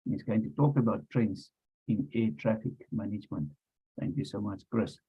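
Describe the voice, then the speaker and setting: A courteous, chatty male moderator heard over a group voice chat. His rather low voice is gravelly and a little husky, and the call audio sounds dull and lo-fi. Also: moderate pace. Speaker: webinar moderator. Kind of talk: hosting an online panel over a group video call.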